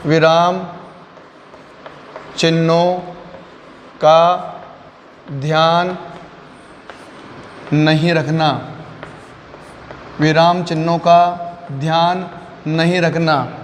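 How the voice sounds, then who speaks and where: Male teacher lecturing slow, says each term twice, kinda monotone, echoey room w/ light hiss. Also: fairly high pitch. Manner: slow, repeating key phrases word by word. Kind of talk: exam-prep lecture. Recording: long reverb, faint noise.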